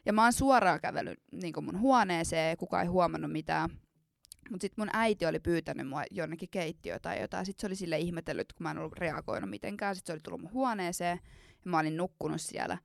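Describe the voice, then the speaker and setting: Casual woman with a gravelly edge. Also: on the low side, dry recording, studio quality. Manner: laughs while telling embarrassing stories, many fillers. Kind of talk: casual storytelling chat.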